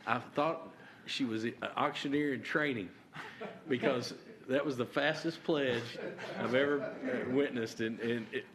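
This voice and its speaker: A man chairing a county court meeting as judge, halting with many fillers and restarts. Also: mid-range voice, a bit bright.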